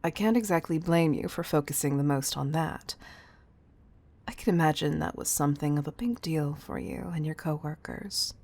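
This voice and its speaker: Speaking in a deep, creaky, darkish voice, a woman takes on the role of a commanding, composed CEO for an intimate roleplay audio. Her delivery is measured and teasing, patronizing but affectionately firm.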